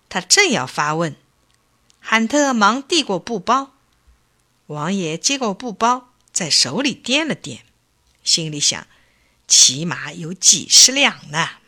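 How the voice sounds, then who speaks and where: A woman reading a folk tale aloud in an expressive, unhurried way. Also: lowish voice. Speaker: storyteller.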